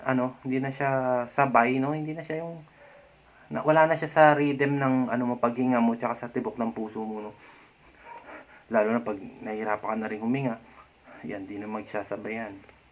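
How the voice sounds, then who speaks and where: A man vlogging casual advice in a chatty way, often ending his points with a tag question and letting out a soft chuckle now and then. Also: mid-range voice. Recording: dull lo-fi sound.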